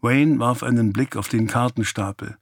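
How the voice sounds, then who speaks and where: A man reading a novel aloud as an audiobook narrator, calm and even. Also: mid-range voice, normal speed, husky, no echo, clean studio sound. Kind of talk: scripted narration.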